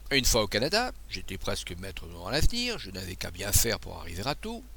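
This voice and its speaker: A self-assured naval officer who talks briskly and teases his friend, as a male reader plays him, in a gravelly, lively voice. A storybook gentleman, sure of himself. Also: lowish voice, slight background noise, exaggerated voice. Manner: confident, brisk, teasing.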